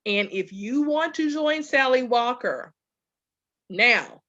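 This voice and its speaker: A woman's voice: on the high side, animated, takes it slowly, bright, forceful tone, lo-fi sound. A woman from Louisiana with a Southern US accent, speaking informally and emphatically to followers as a group facilitator, often piling up lists and checking in with listeners. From Louisiana, USA. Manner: emphatic, repetitive lists, checks in with "okay" and "right". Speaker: spiritual group facilitator and host. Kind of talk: informal promotional talk to followers.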